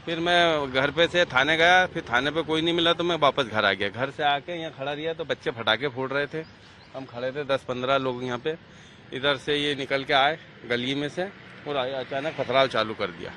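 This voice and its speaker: A man, speaking as an eyewitness in an outdoor street interview, retelling events in a halting, agitated way with restarts. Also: mid-range voice, pushed and bright. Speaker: eyewitness who filed the complaint. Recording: faint street noise outdoors.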